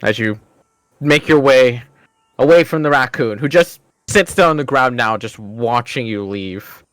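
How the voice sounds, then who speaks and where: A man running a tabletop fantasy game, narrating scenes in a measured, suspenseful way and putting questions to players. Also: mid-range voice, fairly bright tone, smooth, no room sound. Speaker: game master.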